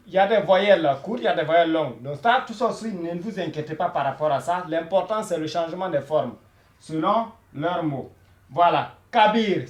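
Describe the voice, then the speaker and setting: Male language teacher, high voice, echoey room, patient and repetitive with beginners. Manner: patient, repeats words many times, checks in with "hein?" and "voilà". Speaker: Arabic teacher.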